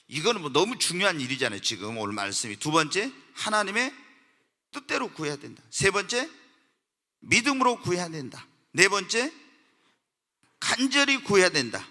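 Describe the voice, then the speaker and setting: Male pastor, sermon, piercing bright voice, asks and answers own questions, long church reverb. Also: mid-range voice. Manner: asks the congregation questions and answers them himself; swings from quiet asides to loud emotional appeals.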